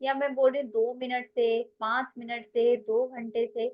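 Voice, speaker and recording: A woman's voice: a little high, level tone, a little slow, dull audio. A woman with an Indian English accent teaching English grammar in an online class, mixing Hindi and English and calling her students "beta".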